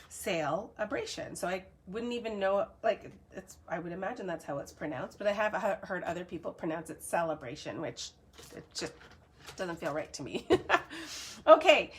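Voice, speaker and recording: A chatty, upbeat woman running a live cardmaking demonstration. Her voice sits at an ordinary middle pitch, and she talks to her viewers in a relaxed, friendly way. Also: slight background noise. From Canada. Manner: chatty, upbeat, reads viewer comments aloud. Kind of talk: casual live tutorial.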